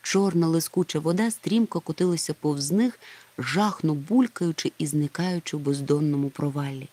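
Low-voiced woman reading a storybook. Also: normal speed, warm tone. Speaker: narrator. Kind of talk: audiobook narration. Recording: faint music underneath.

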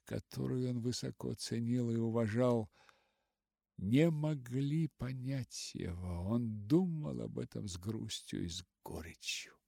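A man reading a literary novel aloud as an audiobook narrator, measured and dramatic with long pauses. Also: medium pitch, creaky, dark tone, dry recording, studio quality.

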